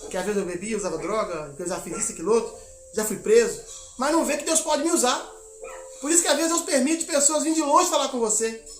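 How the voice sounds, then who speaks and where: A man's voice: very high-pitched, fast talker, echoey room, faint music behind. A man from Minas Gerais, a missionary preacher, telling a testimony in a sermon, acting out the dialogue of his story and exhorting the congregation. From Minas Gerais, Brazil.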